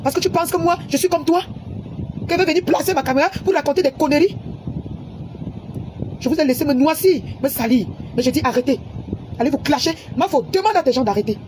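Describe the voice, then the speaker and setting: A high-pitched woman rants heatedly into her phone camera, scolding her audience and repeating her points. Loud background ambience and passing traffic fill the recording. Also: lively intonation, fast, pauses often. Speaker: social media personality. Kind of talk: angry livestream rant.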